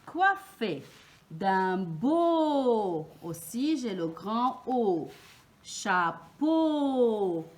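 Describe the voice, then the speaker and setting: Femme enseignante, très lente et articulée. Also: female voice, a little high, sing-song. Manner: slow, clearly articulated, stressing each sound. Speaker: teacher. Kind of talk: early reading lesson for children.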